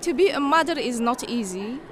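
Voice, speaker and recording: A woman from Morocco, speaking English as a second language in simple, slow phrasing, recorded outdoors at an event. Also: high-pitched, animated, a crowd in the background. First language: not English. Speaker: interviewee.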